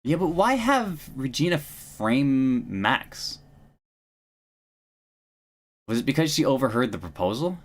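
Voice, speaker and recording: A woman's voice: rumbling low, sing-song, normal speed. A woman giving casual, sweary playthrough commentary on a video game, musing aloud as she goes. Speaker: gamer playing and voicing a visual novel. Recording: game music behind the voice.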